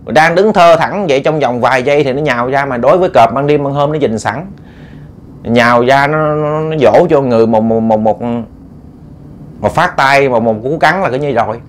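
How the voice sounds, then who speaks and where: A man's voice: medium pitch, moderate pace, slight background noise. Man telling a dramatic ghost story. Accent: Southern Vietnamese. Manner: animated, dramatic, repetitive stammering. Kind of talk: oral ghost story narration.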